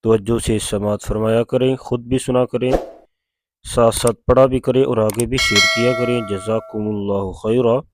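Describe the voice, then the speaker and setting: A man with an Urdu accent teaching Quran recitation, chanting verses slowly and then explaining the rules in quick plain speech. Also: medium pitch, fairly even intonation, noisy background. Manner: alternates slow drawn-out recitation with quick spoken explanation. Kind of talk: tajweed lesson with slow recitation.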